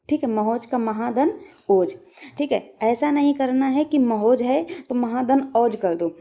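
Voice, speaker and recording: A woman teaching a grammar lesson for exam preparation, patient and repetitive, drilling examples slowly and checking in often. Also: fairly high pitch, dark tone, lo-fi sound.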